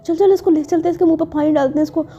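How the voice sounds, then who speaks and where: A woman's voice: very high-pitched, fairly even intonation, very fast, mellow, voice pushed up. A woman voicing a flustered young friend who stammers and talks defensively. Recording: dull lo-fi with faint music.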